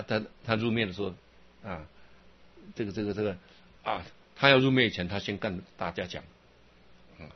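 A man giving an animated Buddhist dharma talk, telling stories and asking many rhetorical questions. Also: on the low side, slightly rough, highs cut off.

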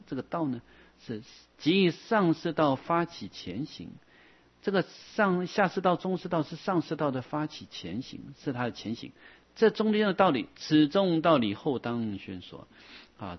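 A man teaching a Buddhist lecture in a patient, repetitive way, often trailing his phrases with a drawn-out "ah". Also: mid-range voice, breathy edge, muffled recording. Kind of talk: dharma lecture.

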